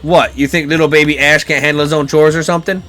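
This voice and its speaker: A man reading the lines of a brash, gruff young male student from a game, with teasing remarks. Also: fairly high pitch, steady tone, quick pace, a bit bright, faint music behind, voice pushed up, lightly acted.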